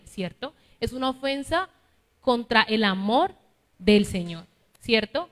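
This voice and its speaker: Woman preacher, colombian accent, fairly high voice, teaching tone, long reverb of a church hall. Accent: Colombian Spanish, Cali. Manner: teaching, asks listeners for agreement with "¿cierto?". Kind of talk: sermon.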